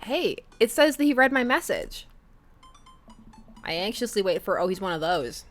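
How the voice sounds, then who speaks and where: With faint music in the background, a young woman talks at a moderate pace in a sing-song, medium-pitched voice while streaming a dating game. Chatty and giggly, she laughs often between lines, reads the game text aloud, and poses questions to her viewers.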